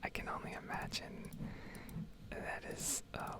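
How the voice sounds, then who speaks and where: A woman whispers close to the mic in a heavy, breathy voice at a measured pace. She rambles casually and hesitantly, like in an ASMR gameplay video.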